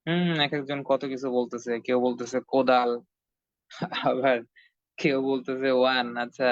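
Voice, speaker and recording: A man teaching Quran reading online, patiently repeating phrases and drilling syllables slowly with his students. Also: medium pitch, level tone, dry recording. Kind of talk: online Arabic letter lesson. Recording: dull dry lo-fi sound.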